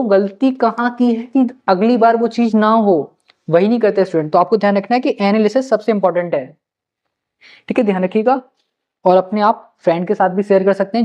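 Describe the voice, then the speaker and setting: A man's voice: high-pitched, warm tone. A male teacher giving study-planning advice to students, coaxing them and repeating his key points. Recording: slightly muffled lo-fi recording.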